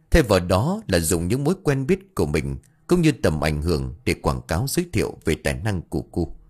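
Expressive husky male audiobook narrator. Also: on the low side. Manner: expressive, dramatic storytelling. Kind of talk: storytelling narration of a ghost story. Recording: narration over faint background music.

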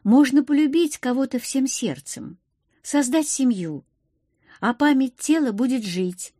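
Woman reading as a patient young woman, slightly higher voice, dry close sound, storybook reading. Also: lively intonation, measured pace, warm tone, husky, no room sound, heavily acted. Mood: explaining. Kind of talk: audiobook reading.

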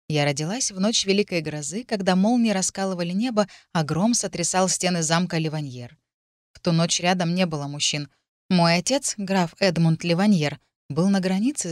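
A woman's voice: fairly low pitch, dry recording. Woman narrating an audiobook, dry close sound. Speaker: author reading own book.

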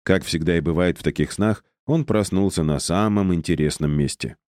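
A man narrating an audiobook with even, deliberate storytelling. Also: deep voice, no echo, clean studio sound.

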